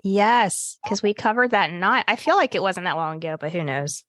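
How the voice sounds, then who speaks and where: A woman's voice: mid-range voice, lively intonation, normal speed, a bit bright, no room sound, clean studio sound. A woman hosting a podcast, opening the episode with upbeat, chatty plugs and banter. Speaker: podcast host. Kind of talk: casual podcast chat.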